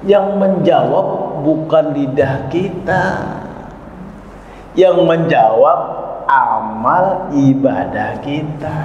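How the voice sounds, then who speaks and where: Male preacher, lively storyteller, lo-fi recording with faint background noise. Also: medium pitch. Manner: lively storytelling with acted quotes and chuckles. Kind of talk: sermon. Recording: echoey hall, dull lo-fi sound, faint noise.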